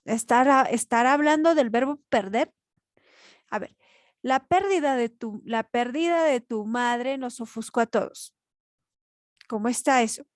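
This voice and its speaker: A woman's voice: fairly high pitch, no room sound, studio quality. A woman teacher giving a spoken grammar lesson, explaining step by step and checking in with rhetorical questions.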